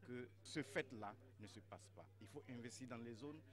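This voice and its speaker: Man speaking deliberately in an interview. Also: medium pitch, a crowd in the background. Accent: Burkinabe French. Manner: deliberate, searching for words. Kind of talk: news interview soundbite.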